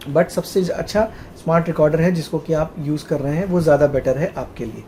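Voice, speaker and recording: A man's voice: a little high, fairly quick, mellow, a little hiss or hum. Hesitant man demonstrating a gadget. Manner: hesitant, with frequent "uh" fillers, addresses viewers as friends. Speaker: tech tutorial host. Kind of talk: casual how-to demonstration.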